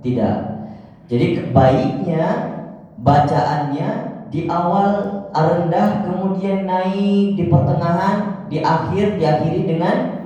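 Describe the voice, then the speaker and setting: A man teaching Quran recitation in a mosque, explaining slowly and breaking into melodic chanted examples. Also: sits high, mellow. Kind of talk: religious lesson with chanted examples. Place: large mosque hall. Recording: dull echoey hall from far off.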